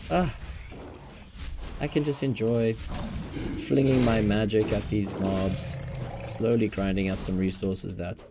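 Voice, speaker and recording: A man streaming a game live, chatting casually with his viewers and calling them bro and dude. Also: lowish voice. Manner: laid-back, says bro and dude, talks to chat. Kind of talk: casual live gaming chat. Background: game music.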